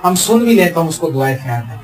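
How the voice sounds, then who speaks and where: A male pastor preaching a sermon. He swings between loud, emphatic lines and low, quiet asides. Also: very animated, faint music behind.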